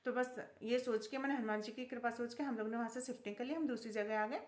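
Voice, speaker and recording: A woman's voice: fairly high pitch, fairly even intonation, fast talker, a little mellow, roomy sound. A woman vlogger telling a personal devotional story in a chatty, earnest way, often turning to her viewers. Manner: chatty, earnest, keeps addressing viewers as friends.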